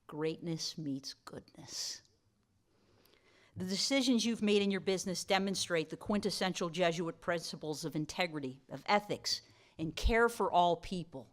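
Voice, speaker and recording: A low-pitched woman hosts an awards dinner with a formal speech. She honors the guests and slips in playful jokes for the audience. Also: moderate pace. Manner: warm, playful asides to the audience. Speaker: college president giving dinner remarks.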